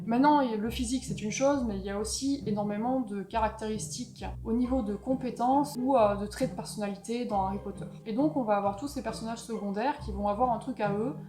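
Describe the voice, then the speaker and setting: A woman's voice: a little high, mellow. English-accented woman in a roomy echo. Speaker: guest writing coach. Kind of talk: explanatory talk on a video.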